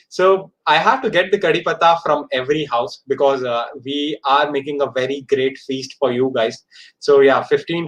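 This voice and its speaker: On a rough recording, a man with an Indian accent and a mid-range, slightly bright voice teaches an informal live coding lesson. He repeats phrases often and uses short tags to check that students are following.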